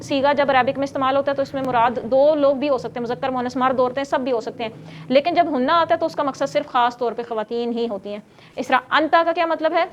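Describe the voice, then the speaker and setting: A woman's voice: sits high, lo-fi sound. A woman teaching a grammar class who explains step by step, quizzes her students and scolds them when they get noisy.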